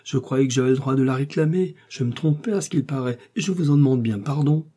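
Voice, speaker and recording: A man's voice: quick pace, dark tone, natural voice. A man voicing a frightened, anxious middle-aged shopkeeper who pleads and protests in a storybook reading. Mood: pleading. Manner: pleading, protesting, rising pitch.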